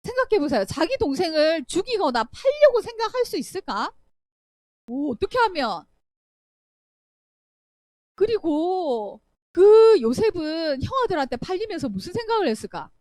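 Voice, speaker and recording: A woman's voice: very high-pitched, moderate pace, pauses often, dry recording. A young woman telling a Bible story to children as a Sunday school teacher, acting out voices and asking questions. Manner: animated, acts out voices, asks children questions.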